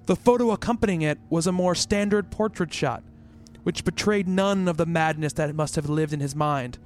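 A man with a slightly high, natural voice speaks at a moderate pace. Over music, he performs a troubled yet rational researcher in an eerie radio play, serving as thoughtful narrator and as a character. Pensive and measured, he delivers radio play dialogue and first-person narration.

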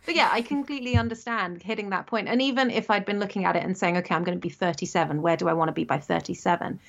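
A woman's voice: fairly low pitch, very fast, gravelly. A woman in her thirties from England, chatting casually and rambling, correcting herself with little laughs. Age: 30s. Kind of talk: casual chat. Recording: dull lo-fi sound.

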